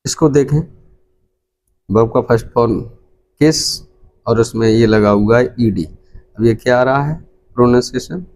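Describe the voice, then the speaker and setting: A man's voice: medium pitch, a little slow, pauses often, a little mellow. A middle-aged man with an Indian Hindi accent, teaching English pronunciation and repeating each word several times. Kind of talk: pronunciation lesson.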